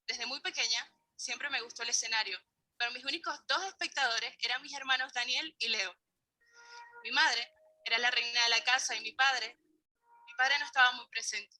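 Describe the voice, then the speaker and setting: A Venezuelan woman magician tells her own story on stage, carefully stating exact figures as she counts them out. Her voice sits on the high side with a sharp tone at a normal speed. The recording is rough, a played clip with music behind her.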